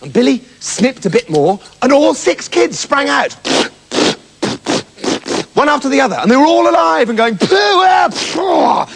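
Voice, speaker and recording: A man's voice: very high voice, sing-song, normal speed. A man telling a fairy tale with comic, mock-dramatic asides. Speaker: storyteller.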